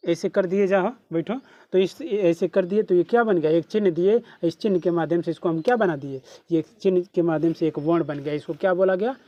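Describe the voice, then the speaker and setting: A man's voice: high voice, brisk, few pauses, mellow, no room sound, lo-fi sound. A man with a Bhojpuri accent teaching a class, who keeps asking questions back to his students. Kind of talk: classroom lesson.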